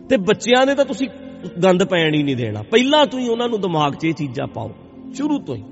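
A man's voice: high-pitched, in a large hall, dull audio. A man giving a spoken sermon, exhorting listeners with lots of repetition and direct appeals. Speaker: motivational speaker.

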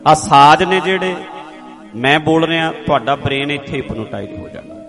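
A man giving a slow, explanatory religious sermon, now and then chanting rhythmically. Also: on the high side, lively intonation. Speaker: Sikh preacher. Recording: music clearly behind the voice. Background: instrumental music.

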